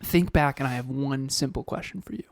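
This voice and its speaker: On a motivational podcast he co-hosts, a man in his thirties talks briskly and with energy at a medium pitch, his voice showing vocal fry. He fires off rhetorical questions and repeats phrases, and the clean studio sound has no room echo.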